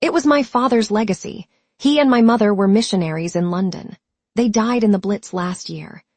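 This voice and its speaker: A woman's voice: mid-range voice, moderate pace, a little mellow, no echo, lightly acted. A woman reading as an exhausted, wounded young soldier in a storybook tale, weary yet wry. The voice stays close to the narrator's own, recorded dry and close.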